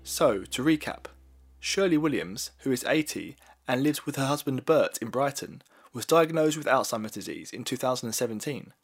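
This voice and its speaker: Husky male reporter narrating. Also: mid-range voice, expressive, moderate pace, faint music behind. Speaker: reporter and interviewer. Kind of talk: news feature narration and interview.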